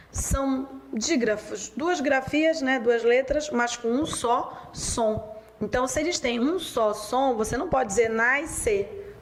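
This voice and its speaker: A Brazilian woman teaching a spelling lesson, dictating words slowly and drawing them out. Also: sits high, a bit bright, a little hiss or hum, low-quality recording. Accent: Brazilian Portuguese. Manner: slow, drawn-out dictation of words.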